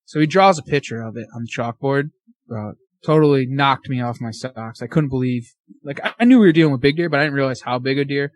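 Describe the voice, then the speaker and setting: A man guesting on a podcast, excitedly telling a casual story full of fillers and slang. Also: medium pitch, quick pace.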